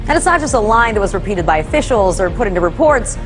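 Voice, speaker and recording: A woman presents scripted news commentary at an ordinary pitch. Her delivery is pointed and emphatic, full of rhetorical push. Music plays clearly behind her. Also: sing-song, quick pace, rough recording. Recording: music bed under the voice.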